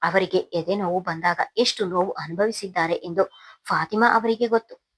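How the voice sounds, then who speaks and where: A woman narrating a Kannada novel in a steady, solemn storytelling manner. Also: medium pitch, husky. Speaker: audiobook narrator.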